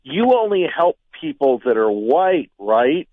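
A man's voice: fairly high pitch, sing-song, unhurried, dry recording. A man calling in to a radio talk show over the phone, asking teasing, sarcastic questions in a joking smart-aleck manner. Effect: heard over the phone. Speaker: caller. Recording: tinny phone line.

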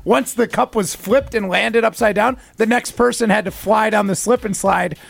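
High, gravelly-voiced man on the radio. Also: normal speed, a bit bright, soft background music. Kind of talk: casual radio storytelling.

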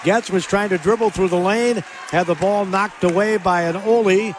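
A man with a high, bright voice calls a college basketball game for radio. He reads out scores and stats quickly and breaks into shouts when the big shots fall. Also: a faint crowd, a little hiss or hum. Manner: rapid excited calling, shouting on big plays. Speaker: play-by-play announcer. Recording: radio broadcast.

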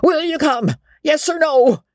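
A reader putting on a coarse old baronet. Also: male voice, extremely high pitch, unhurried, no echo, clean studio sound, pitched above the performer's own voice. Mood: pleading. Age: older. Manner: rustic ungrammatical speech, pleading. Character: old male baronet, blunt, coarse, pleading.

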